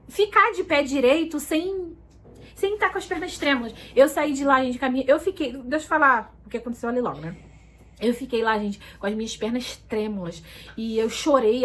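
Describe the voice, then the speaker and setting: A high-pitched woman speaks straight to her viewers in a casual, heartfelt testimony. She repeats herself and keeps calling out to her audience. By her own account she is shy and soft-spoken. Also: normal speed, rough recording. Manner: emotional, repetitive, addresses viewers as "gente". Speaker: vlogger giving a religious testimony. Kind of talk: casual personal testimony to camera.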